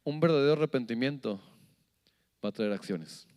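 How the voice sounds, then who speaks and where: A man preaching a sermon as pastor, animated, asking the congregation questions and acting out little scenes. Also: mid-range voice, moderate pace, clear, resonant tone. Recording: long hall reverb.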